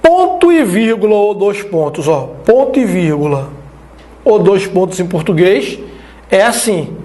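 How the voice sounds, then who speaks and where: A man from Brazil teaching an online Biblical Greek lesson, explaining slowly and checking in with his listeners as he writes on the screen. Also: high-pitched, big pitch swings, a little mellow.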